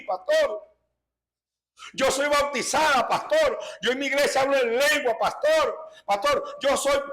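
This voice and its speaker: A man's voice: high voice, fairly bright tone. An older man, preaching a sermon as pastor in an emphatic, repetitive way with frequent restarts.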